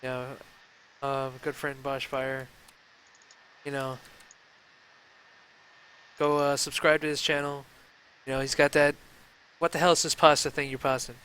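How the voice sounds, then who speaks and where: A man's voice: medium pitch, flat delivery, unhurried, pauses often, pushed and bright, a little hiss or hum, poor audio. A young man hosting a casual gaming talk stream, chatting loosely with lots of fillers and restarts. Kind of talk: casual live-stream chat.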